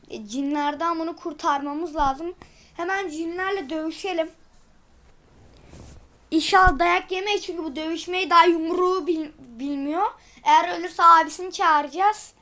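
Woman, casual gameplay commentary, playful, giggly, very high voice, bright tone. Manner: playful, giggly, talks to viewers. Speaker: gameplay video host.

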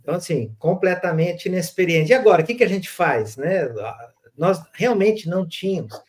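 A Brazilian man hosting a podcast, telling stories in a relaxed conversational way with frequent restarts. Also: sits high, normal speed. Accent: Brazilian Portuguese. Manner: animated storyteller with frequent restarts. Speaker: podcast host. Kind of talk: casual storytelling conversation.

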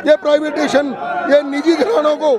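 A man's voice: extremely high pitch, completely flat delivery, brisk, a crowd in the background. A male electricity worker at an outdoor protest, arguing his case firmly to a reporter. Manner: firm, argumentative. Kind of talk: street interview.

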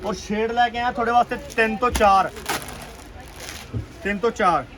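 A man with a Punjabi accent giving an urgent, repetitive, enthusiastic sales pitch as a shop seller on an online video. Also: moderate pace, background noise. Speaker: clothing shop seller presenting stock. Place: busy clothing shop.

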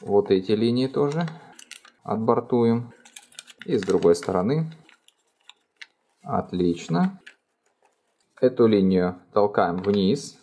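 A middle-aged man calmly explaining each fold in a step-by-step origami tutorial, recorded indoors at a table. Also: lowish voice, slow, long pauses. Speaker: origami instructor. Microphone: overhead camera framing hands only.

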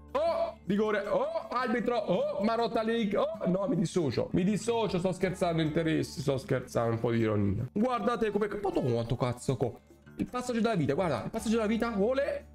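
A young man, giving excitable, swearing live commentary on his own gameplay and shouting at the game. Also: a little high. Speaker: gaming content creator.

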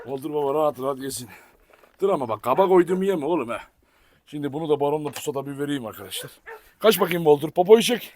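A man's voice: a little high, expressive, quick pace, darkish tone. A man vlogging while he feeds his dogs, talking fondly to them and chatting to viewers between. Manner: affectionate coaxing talk to dogs, addresses viewers. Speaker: dog owner vlogger. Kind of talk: casual vlog while feeding dogs.

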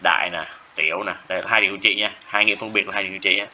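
A man's voice: deep voice, steady tone, quick pace, bright, forceful tone. A man teaching a math lesson, repeating phrases and often checking whether students follow. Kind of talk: classroom lecture. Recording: dull lo-fi classroom recording with faint noise.

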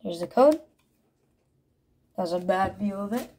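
A woman's voice: medium pitch, expressive, measured pace, mellow, slightly rough. A woman vlogger giving casual unboxing commentary, calling out each card by name in short bursts and thinking aloud between them. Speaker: vlogger opening trading card packs.

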